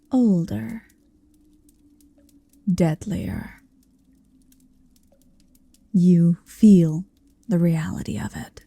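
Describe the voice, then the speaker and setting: Acted by a woman in a lowish voice, a towering, possessive dragoness in human form murmurs very slowly and mellowly, breathy and often whispered, with some creak, in an ASMR roleplay. The delivery is heavily acted and there's no room sound as this huge, domineering creature teases with deliberate menace.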